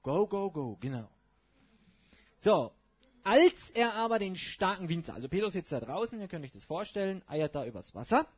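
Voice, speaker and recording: A man's voice: sits high, very animated, normal speed, husky. A man preaching a sermon to his congregation in a colloquial way, putting rhetorical questions to his listeners. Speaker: pastor. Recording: dull lo-fi recording.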